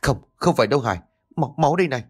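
A man's voice: medium pitch, fast talker, breathy edge, close to an everyday voice. A man voicing a cowardly young man who stammers and whimpers in fear, in a horror audiobook. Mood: terrified. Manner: stammering, tearful.

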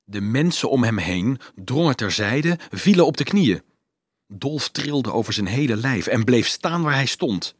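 Expressive, slightly husky male storyteller. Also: mid-range voice, measured pace, no echo. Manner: dramatic, expressive reading that acts out the shouts. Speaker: audiobook narrator. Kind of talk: scripted narration.

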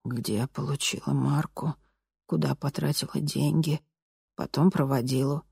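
An audiobook reader voicing a timid young woman who speaks quietly and uncertainly, then shouts back shrilly. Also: mid-range voice, steady tone, moderate pace, vocal fry, husky, dry recording, clean studio sound. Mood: timid, hushed. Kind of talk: audiobook character voice.

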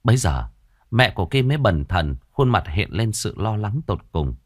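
Low-voiced man telling a ghost story. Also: normal speed, no room sound, studio quality. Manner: dramatic, expressive reading.

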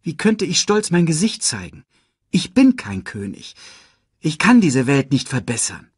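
A man's voice: a little high, huge pitch swings, a little slow, slightly rough, dry recording, clean studio sound, voice pushed up, full character voice. A man voicing a young male lion who is carefree yet troubled, in a storybook audiobook. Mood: despairing.

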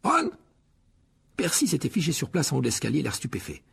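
Gravelly man reading a storybook aloud. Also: mid-range voice, rapid-fire. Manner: expressive storytelling. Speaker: audiobook narrator. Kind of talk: scripted narration.

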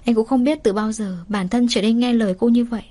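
A woman reading a romance novel aloud as an audiobook narrator, in a steady, even storytelling manner. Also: on the high side, fast talker.

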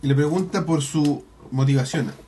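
A man's voice: fairly high pitch, normal speed, mellow, a little hiss or hum. Slangy Chilean man recapping casually. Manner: slangy, rambling, full of colloquial swearing. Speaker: podcast host. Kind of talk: casual chat recapping a TV episode.

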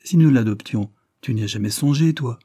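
A man voicing a gentle, candid middle-aged wife in a storybook reading, speaking calmly and tenderly. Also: mid-range voice, fairly quick, slightly rough, no room sound, studio quality, natural voice. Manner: calm, candid, softly tender.

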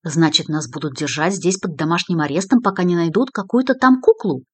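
A woman's voice: medium pitch, sing-song, a little fast, darkish tone, no echo, voice pushed up. A woman reading the lines of an indignant male journalist who complains querulously. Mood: puzzled.

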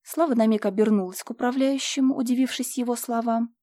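Woman narrating an audiobook, slightly high voice. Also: steady tone, brisk, mellow, dry recording, clean studio sound. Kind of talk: scripted narration.

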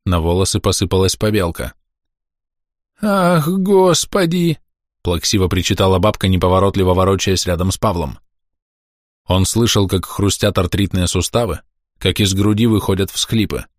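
Low-voiced male audiobook narrator. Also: dry recording, clean studio sound.

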